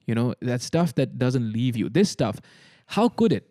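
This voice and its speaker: Mellow man, close dry sound. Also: mid-range voice, sing-song, normal speed, no room sound. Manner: emphatic, repeats words, mixes in Urdu phrases. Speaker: podcast host. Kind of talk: casual conversation.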